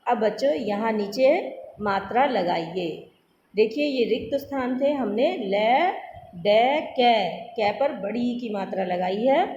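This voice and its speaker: A woman with a fairly high voice leads a Hindi spelling lesson for small children. She takes it very slowly and sounds out every word letter by letter. Her voice echoes around the room, with a faint hiss underneath. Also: lively intonation, a little mellow, lo-fi sound. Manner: spells words letter by letter, drawn out. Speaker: primary school Hindi teacher.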